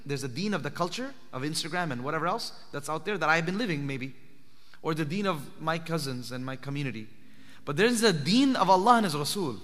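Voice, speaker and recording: A man's voice: on the high side, bright, forceful tone. A man giving an earnest sermon at a spiritual retreat, asking his listeners direct questions. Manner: earnest, asks the audience questions. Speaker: Islamic teacher giving a talk at i'tikaf. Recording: long hall reverb.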